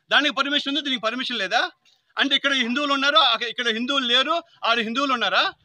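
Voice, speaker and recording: A man's voice: very high voice, pushed and bright, no echo. A man, angrily complaining to officials outdoors and pleading for action. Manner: agitated, pleading, repetitive. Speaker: local villager complaining.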